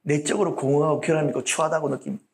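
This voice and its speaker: A man's voice: a little high, fairly even intonation, racing. A male pastor preaching a sermon in a blunt, colloquial way and often asking the audience for agreement.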